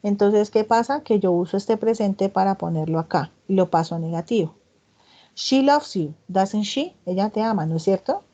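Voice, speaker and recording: Female English tutor lecturing over a video call, soft mellow tone, slightly lo-fi audio, patient and stepwise, reads examples slowly. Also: medium pitch. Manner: explains step by step, often checks in with "¿listo?". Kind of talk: online class lecture.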